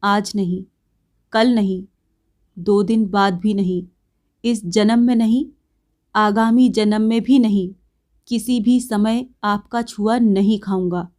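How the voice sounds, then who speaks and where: A woman voicing a young man who speaks calmly, quietly and firmly in a read-aloud story. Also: mid-range voice, slow, long pauses, natural voice. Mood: stern. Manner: calm, quiet and firm. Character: calm, stern young man.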